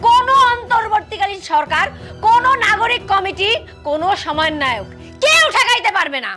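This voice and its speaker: An actress playing an indignant young second wife who scolds sharply and sarcastically. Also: female voice, extremely high pitch, very animated, fairly quick, over music. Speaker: young wife of an older man. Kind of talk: television drama acting.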